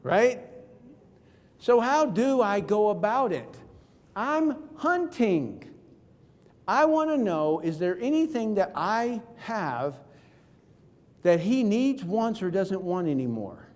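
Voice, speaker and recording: A man giving an energetic, jokey seminar talk on network marketing, acting out phone calls with friends. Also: sits high, slow, long pauses. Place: conference hall. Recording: reverberant hall.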